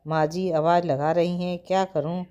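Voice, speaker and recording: A woman voicing a gentle young bride who complains softly, in a storybook tale. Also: lowish voice, steady tone, normal speed, dull audio, close to an everyday voice. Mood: wistful. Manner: soft, complaining. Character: gentle young bride, wistful about her hair.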